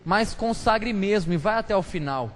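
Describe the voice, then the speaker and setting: A man's voice: sits high, expressive, moderate pace. A pastor preaching a casual, joking sermon full of slang, chatting with his congregation during a live church service. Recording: live church hall reverb, faint noise.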